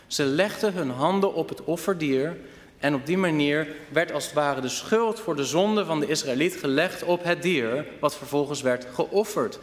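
A male preacher giving an animated sermon, questioning his congregation directly. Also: a little high. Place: church hall. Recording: reverberant church hall.

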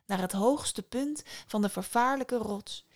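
A woman's voice: on the high side, unhurried. Woman narrating a story with wry asides. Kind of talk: scripted narration.

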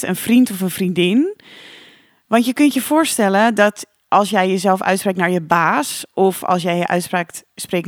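A woman hosting a solo podcast as a coach, talking in a calm, reflective and encouraging way with the odd filler sound. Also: medium pitch, dry recording, studio quality.

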